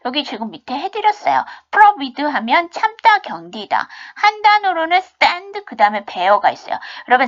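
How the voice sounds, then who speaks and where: Lively woman teaching English pronunciation. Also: on the high side, dull audio. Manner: explains step by step, asks and answers her own questions; breaks into slow, exaggerated English example sentences. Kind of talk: recorded online English lesson.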